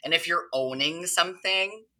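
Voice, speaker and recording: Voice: medium pitch, normal speed, bright, forceful tone. A podcast co-host in casual chat, blunt and sarcastic.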